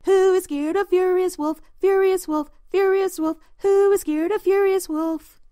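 A woman voicing three little pigs who chant and refuse the wolf in a high, loud sing-song. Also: animated, slow pace, dry recording, exaggerated voice. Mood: taunting. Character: three cheeky little pigs, small and defiant. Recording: dry close recording.

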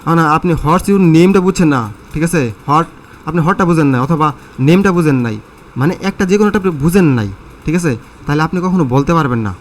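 A man's voice: fairly high pitch, lively intonation, quick pace. A man teaching an English listening lesson, explaining in a conversational way with many fillers and questions to his students.

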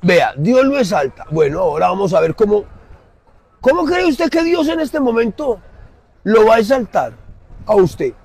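A middle-aged man with a Colombian Spanish accent preaching emphatically in an outdoor city plaza, swinging from loud to soft. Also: high-pitched, big pitch swings, normal speed, husky. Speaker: street preacher. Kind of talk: impassioned street sermon.

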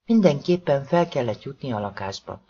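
Husky guy reading a thriller audiobook, dramatic, muffled lo-fi audio. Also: mid-range voice, big pitch swings, mellow. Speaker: narrator. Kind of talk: audiobook narration.

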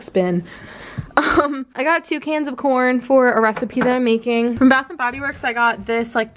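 A woman in her twenties chatting casually in a home vlog, saying "like" and "um" a lot and laughing often, filmed in her kitchen. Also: on the high side. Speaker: vlogger. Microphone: phone camera.

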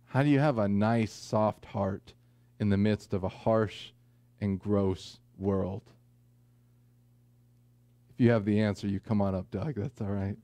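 A man in his forties preaching a sermon from a small church pulpit, earnest with folksy asides and slow, deliberate emphasis. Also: lowish voice, fairly even intonation, warm tone, no echo. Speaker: pastor. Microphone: pulpit microphone, far camera.

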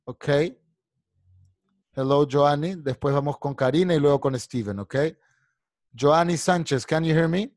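A man's voice: fairly high pitch, a little slow, long pauses, a little mellow, no echo, studio quality. A man teaching an online English class, explaining patiently and mixing Spanish with English.

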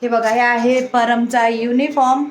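A young mother talks brightly to her viewers in a casual home vlog. Her voice sits high, chatty and doting. She coaxes her little boy along between remarks to the camera. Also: fairly even intonation, measured pace, a little hiss or hum. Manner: chatty and doting, coaxing a small child. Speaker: family vlogger, mother. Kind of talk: casual family vlog narration.

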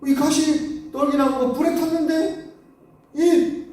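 A man's voice: very high voice, fairly even intonation, slow, darkish tone. A man preaching a children's sermon, telling a Bible story with animation and asking the children questions, recorded from far off in a church hall. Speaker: children's pastor. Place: church sanctuary.

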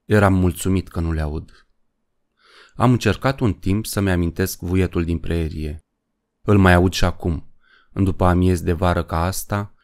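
A man with a very low, deep voice reads an audiobook aloud. His delivery is measured and even, a steady storyteller's pace. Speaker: audiobook narrator. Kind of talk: scripted audiobook narration.

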